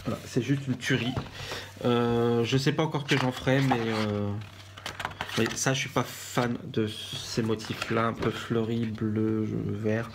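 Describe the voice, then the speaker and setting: A man from France with a French accent, chatting casually in a craft haul vlog and pausing often with fillers and restarts. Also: medium pitch, level tone, background noise. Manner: hesitant, many fillers and restarts. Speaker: vlogger.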